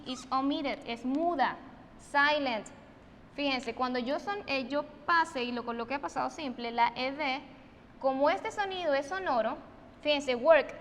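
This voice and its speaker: A Venezuelan woman teaching English pronunciation, switching between Spanish and English and repeating each example word slowly and with emphasis. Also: high-pitched, a bit bright, in a large hall, slight background noise. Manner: slow, emphatic repetition of example words. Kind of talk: recorded online English lesson.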